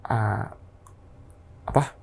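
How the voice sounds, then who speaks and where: A man, casually recounting a ghost story as a guest, halting and unhurried with slangy asides. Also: darkish tone.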